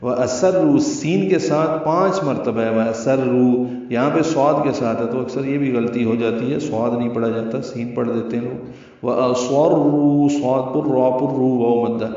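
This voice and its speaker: A man teaching Quran recitation rules in a tajweed lesson, slowly and deliberately spelling out letter sounds. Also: medium pitch, fairly even intonation, dark tone. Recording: very echoey, distant, dull lo-fi.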